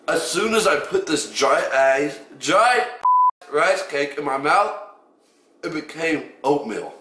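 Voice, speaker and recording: A man's voice: a little high, animated, slow pace. A man in a casual vlog, groaning and reacting while eating very spicy food. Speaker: vlogger taking a spicy chip challenge. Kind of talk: casual chat. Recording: echoey room with background noise.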